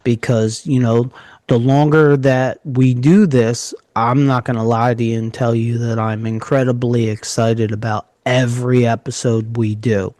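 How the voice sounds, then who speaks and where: A man with a New York area accent, co-hosting a casual podcast and telling stories in an animated, joking way. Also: medium pitch, unhurried, no echo. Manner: animated storyteller, jokey. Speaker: podcast co-host.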